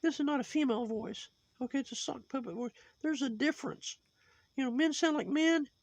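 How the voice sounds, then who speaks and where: A man voicing a preachy, judgmental male sock puppet in a high put-on voice, lecturing and moralizing as he rambles. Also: fairly quick, vocal fry, no room sound, lo-fi sound.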